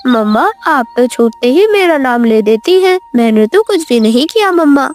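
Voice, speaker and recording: A cheeky little boy chick in a children's cartoon, acted by a woman. He talks back defensively in a high childish voice, with faint music playing behind. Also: animated, normal speed, a little mellow. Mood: sulky.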